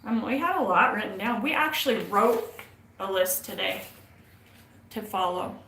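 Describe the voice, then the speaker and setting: A woman's voice: medium pitch, expressive, moderate pace, fairly bright tone, slight background noise. A woman co-hosting a casual chat show, teasing her partner playfully. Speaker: co-host. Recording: echoey room, faint ambience.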